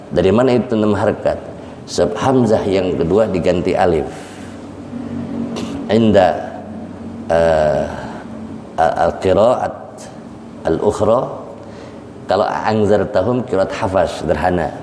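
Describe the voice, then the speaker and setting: A man teaching a Quran exegesis lesson, slowly repeating and drawing out recitations for his students. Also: low voice, warm tone, slight background noise. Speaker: Islamic teacher. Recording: echoey hall, faint ambience.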